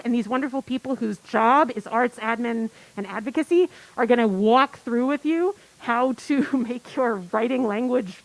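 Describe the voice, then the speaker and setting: A woman's voice: fairly high pitch, no room sound, poor audio. A woman organizer making rambling, bubbly, self-deprecating conference announcements. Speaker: event organizer.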